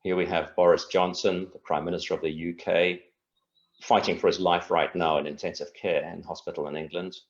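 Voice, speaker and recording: A man's voice: low voice, level tone, fairly quick, dull audio. A middle-aged man from Tanzania, a guest speaking in an earnest, reflective and meandering way in a casual interview over a video call.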